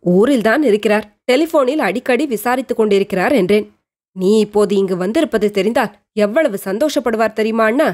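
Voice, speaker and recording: A woman's voice: a little high, lively intonation, fairly quick, darkish tone. A woman voicing a devoted, chatty younger sister. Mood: eager.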